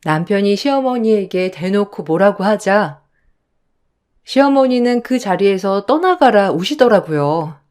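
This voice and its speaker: A woman narrating a story calmly and softly. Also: mid-range voice, unhurried.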